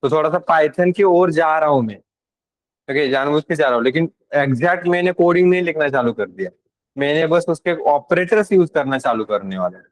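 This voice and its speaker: A young man lectures a class, mixing terms into his talk and checking often that students follow. His voice sits a little high, and the recording is dry and close. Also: brisk, dry recording, rough recording. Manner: asks the class questions, mixes in English. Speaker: teacher.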